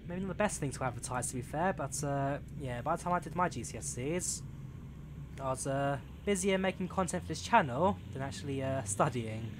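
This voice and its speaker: A brisk, expressive male voice at medium pitch belongs to an English streamer of about twenty. Playing a train simulator, he chats away rambly, reading viewer chat aloud and filling gaps with fillers. Engine rumble and rail sounds from the game run clearly under his speech.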